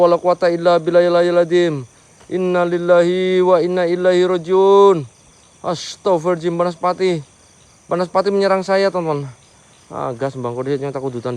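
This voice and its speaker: A man hosts a live ghost hunt at night, his voice sitting a little high for a man. He switches between loud, ringing calls to the spirits and low, hushed commentary to his viewers. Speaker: ghost-hunting live streamer. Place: outdoors at night at an old resort.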